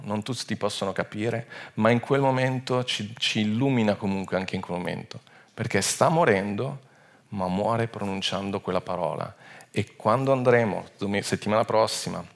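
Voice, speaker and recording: Lowish-voiced Italian preacher teaching a sermon. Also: male voice, gravelly. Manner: expressive, rises to loud emphatic peaks then drops low and quiet; self-correcting, restarts words mid-phrase.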